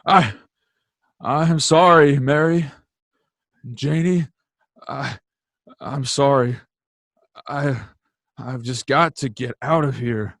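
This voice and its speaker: A man playing George, a bitter, desperate family man at his wits' end, agitated and halting in an old-time radio play. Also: mid-range voice, vocal fry, a bit bright, no echo. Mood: apologetic, pleading.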